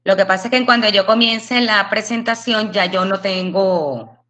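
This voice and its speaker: A woman hosting an online talk on a video call, casually welcoming people as they join, chatty and friendly with soft laughs. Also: mid-range voice, normal speed, dull audio. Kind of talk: casual video-call chat, greeting arriving attendees.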